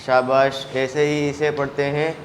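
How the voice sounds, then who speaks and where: Slow, patient male children's teacher. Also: mid-range voice, slight background noise. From Pakistan. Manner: slow, drawn-out letter sounds with steady praise. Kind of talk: children's language lesson. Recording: echoey room, faint ambience.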